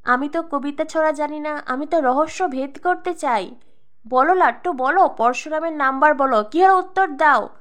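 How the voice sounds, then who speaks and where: A woman's voice: high-pitched, moderate pace, a bit bright. A woman reading a threatening older crime boss. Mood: interrogating. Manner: threatening, scornful.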